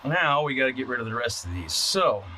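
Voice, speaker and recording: Working hands-on at a repair, this electronics hobbyist hosts his video in a casual, unscripted way, muttering and answering his own questions. His medium-pitched voice is very animated, fairly quick and sharp, in a rough recording full of background noise, clicks and clatter.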